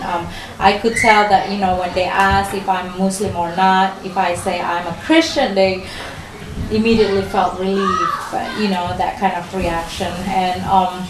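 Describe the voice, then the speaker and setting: A woman from Indonesia, recounting her own experiences in a hesitant, casual way with frequent pauses. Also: mid-range voice. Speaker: interviewee. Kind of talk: personal recollection, casual storytelling. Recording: echoey room with background noise.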